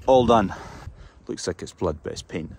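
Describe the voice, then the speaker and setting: A man's voice: low-pitched, lively intonation, normal speed. A young man, a farmer chatting casually to a body-worn camera while he works cattle in an outdoor yard. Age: young adult. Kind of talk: casual farm vlog narration. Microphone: body-worn action camera. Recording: loud outdoor noise, clanking gates.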